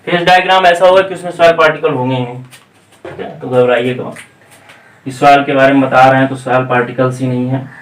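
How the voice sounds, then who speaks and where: A male exam-coaching teacher giving a classroom lecture, explaining step by step, checking in with frequent "okay"s and slowly dictating English definitions. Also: medium pitch, steady tone, recorded from a distance. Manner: explains step by step, checking in with repeated "theek hai". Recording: echoey room, voice off-mic.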